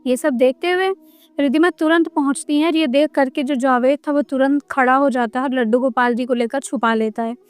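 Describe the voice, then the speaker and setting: A woman's voice: high-pitched, fairly even intonation, fairly quick, clean tone, no echo, soft background music. A woman narrating a devotional story in a conversational retelling style, stitching scenes together with frequent "she says".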